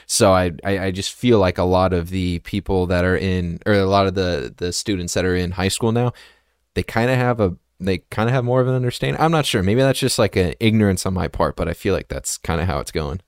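A man's voice: low-pitched, clear, resonant tone, no echo, clean studio sound. A man in his twenties hosting a casual podcast interview, chatty and full of fillers like "like" and "you know". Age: 20s. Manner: chatty, filler-heavy, quick to laugh. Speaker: podcast host.

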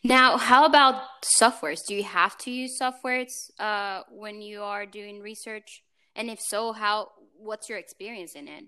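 A woman hosts an interview and asks long, rambling questions full of restarts. Her voice is bright and smooth, and her pitch sits in the middle. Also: a little slow.

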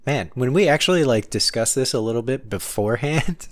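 Relaxed man co-hosting a podcast. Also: mid-range voice, brisk, no room sound. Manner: relaxed, hesitant, many restarts. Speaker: podcast co-host. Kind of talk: casual chat.

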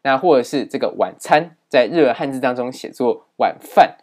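A man teaching a language lesson in a steady explaining manner, with many fillers. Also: mid-range voice, normal speed.

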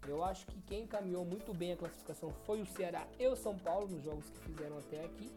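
Over music, a young man with a Brazilian Portuguese accent talks quickly in a high-pitched voice while co-hosting a laid-back football podcast. He works through the results and keeps stumbling on foreign team names.

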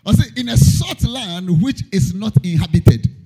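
A man's voice: sits high, expressive, measured pace, warm tone, breathy edge. A man preaching a sermon in church, emphatic, repeating key lines and singing out phrases. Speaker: pastor.

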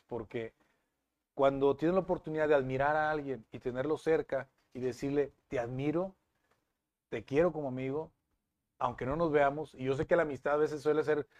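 A man, a TV news presenter being interviewed, telling stories in a lively way with many restarts. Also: medium pitch, dry recording. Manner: animated storytelling with frequent restarts. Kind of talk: casual interview chat.

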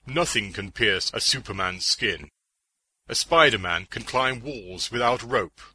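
A man voicing a measured, formal male knight. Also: lowish voice, animated, bright, forceful tone, breathy edge, heavily acted, low-quality recording. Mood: solemn.

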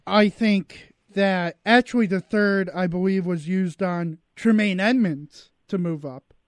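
A man's voice: high-pitched, a little slow, no echo. A man co-hosting a radio sports talk show, chatting casually and restarting his sentences often. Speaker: radio co-host. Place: radio studio.

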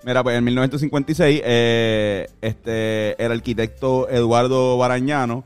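A man with a Puerto Rican Spanish accent explaining things casually, in a halting, informal, slangy way. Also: medium pitch, fairly even intonation, clear, resonant tone, soft background music. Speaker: podcast host telling local history. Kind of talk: casual explanatory talk from notes.

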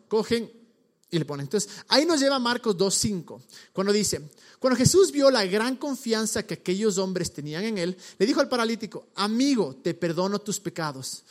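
High-pitched guy preaching, super slangy, acts out the people in the story. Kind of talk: casual sermon.

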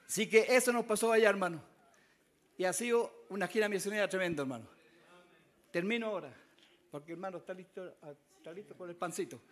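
High-voiced Chilean preacher telling a testimony. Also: male voice, quick pace, long pauses. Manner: folksy, keeps calling listeners "hermano"; animated storyteller, bursts of loud exclamation. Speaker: missionary preacher. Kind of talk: testimony told to a congregation.

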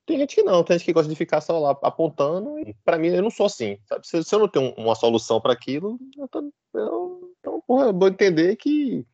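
Guy rattling off his take quick and lively, dry muffled lo-fi sound. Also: sits high, no room sound. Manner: fast, lively, reasoning out loud with fillers. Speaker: podcast co-host, football fan. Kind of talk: casual chat.

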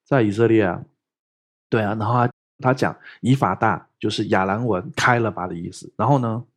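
A man's voice: fairly low pitch, normal speed, breathy edge. A male pastor, preaching a sermon in a playful, joking way. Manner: playful, joking, animated storytelling. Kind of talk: lively sermon teaching.

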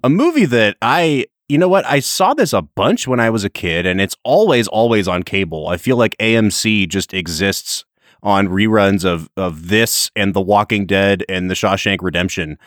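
Animated low-voiced man, casual podcast host. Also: moderate pace, no echo, studio quality. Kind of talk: casual film podcast chat. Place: basement of a house, makeshift recording space.

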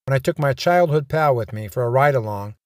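A man's voice: mid-range voice, expressive, brisk, heavy background noise. A man hosting a podcast, telling first-person stories of his police days with wry, dry humor. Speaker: podcast host and former police officer.

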